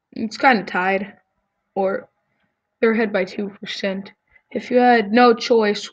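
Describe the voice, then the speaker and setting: A woman's voice: a little high, highs cut off. A woman YouTuber chatting casually as she answers quiz questions, giving blunt opinions with frequent ums and restarts.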